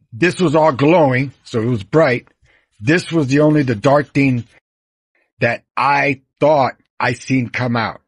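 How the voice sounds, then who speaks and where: A man's voice: mid-range voice, breathy edge, no echo, studio quality. A man giving a rambling, swearing eyewitness account, describing what he saw as he points around him.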